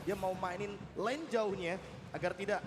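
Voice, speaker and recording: A man's voice: high-pitched, fairly even intonation, moderate pace. An Indonesian man giving analytical live commentary on an esports match. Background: music.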